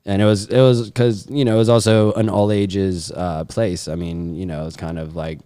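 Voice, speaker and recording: Brief: deep-voiced man, mellow tone, easygoing chat full of fillers. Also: level tone, clear, resonant tone, no room sound, studio quality. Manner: halting, filler-heavy, laid-back. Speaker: podcast co-talker. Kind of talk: casual chat.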